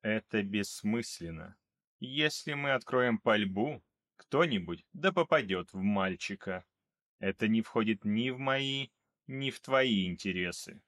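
A man voicing a cold, even-voiced mercenary. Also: fairly low pitch. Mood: cold calm. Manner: flat, even, unhurried delivery. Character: cold, calm male mercenary, menacing. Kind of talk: audiobook reading.

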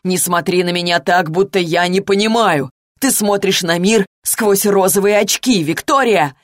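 Menacing, possessive husband in an audiobook, voiced by a woman, lowish voice, dry studio. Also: normal speed, dry recording, lightly acted. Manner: cold, then shouting and raving. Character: controlling, menacing adult husband. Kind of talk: audiobook reading.

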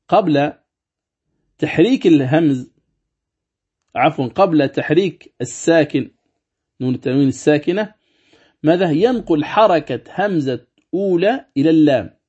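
A man gives a religious lesson on Quran recitation, explaining each rule step by step. His voice sits a little high but has a warm, mellow tone. He poses rhetorical questions and stretches out the recited examples slowly, and the recording sounds dull and lo-fi. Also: breathy edge.

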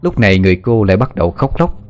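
A man narrating an audio story in a steady storytelling manner. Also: fairly low pitch, racing, faint music behind.

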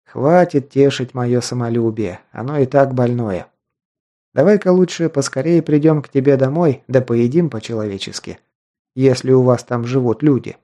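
A man's voice: mid-range voice, normal speed, mellow, lightly acted. A man reading an audiobook, voicing a wry, teasing young male hero in close to his own voice.

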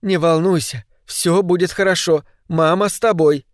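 A frightened young mother, put on by a male storyteller, murmuring soft, repeated reassurances. Her voice sits a little higher and quieter than the reader's own, in a close, dry reading. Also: normal speed, no room sound, natural voice. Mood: soothing. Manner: soft, hushed, repeating soothing words. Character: grieving woman, a frightened mother soothing her child.

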